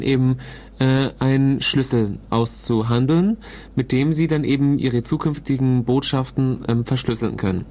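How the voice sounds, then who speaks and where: A man co-hosting a podcast, explaining a technical topic in a loose, hesitant way, often pausing to search for words. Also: medium pitch, darkish tone. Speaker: podcast co-host explaining cryptography. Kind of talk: casual explanatory podcast chat.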